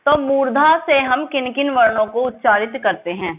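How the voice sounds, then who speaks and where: Woman teacher drilling sounds, tinny audio. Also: sits high. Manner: drills sounds slowly, asks and answers her own questions. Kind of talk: classroom lesson.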